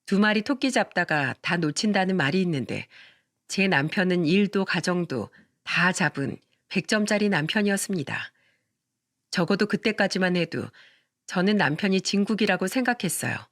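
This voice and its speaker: A woman's voice: lowish voice, expressive, normal speed, a bit bright, no echo, studio quality. A woman telling a story in the first person in scripted narration, confiding and asking the listener questions.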